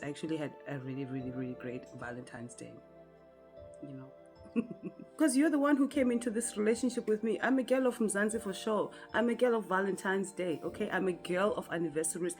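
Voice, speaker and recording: A woman's voice: medium pitch, a little mellow. A South African woman tells a personal story in a casual storytime vlog. She is chatty and speaks right to her viewers, laughing often as she goes. Faint music plays behind her. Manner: chatty, talks straight to viewers with frequent laughs. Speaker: vlogger telling a story.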